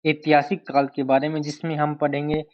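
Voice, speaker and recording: A man teaching an exam-prep history lesson, speaking slowly and deliberately and repeating key terms to drill them in. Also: on the high side, little pitch movement. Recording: dull lo-fi sound.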